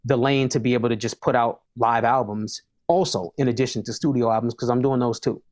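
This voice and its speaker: A man's voice: medium pitch, steady tone, brisk. Hip hop guy chatting easy, repeats himself a lot, mid voice. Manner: laid-back, emphatic, repeats words when starting. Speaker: hip hop artist guest. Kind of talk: casual interview chat.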